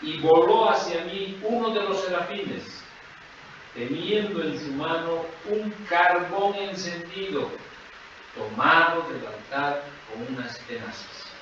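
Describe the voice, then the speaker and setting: A man from the congregation reading scripture aloud in a church, slow and deliberate. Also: a little high, a bit bright, a little hiss or hum. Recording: distant, echoey, dull room sound.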